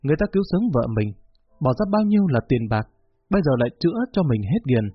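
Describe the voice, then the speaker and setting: Husky male narrator, steady storytelling, dull lo-fi recording, faint music under. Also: medium pitch, fast talker, dry recording. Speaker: audiobook narrator.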